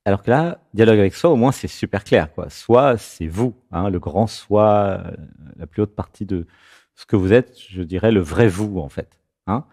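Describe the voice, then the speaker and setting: At a normal pace and in a somewhat low voice, a French spiritual talk show host guides a caller. He's animated and checks in regularly with "tu vois."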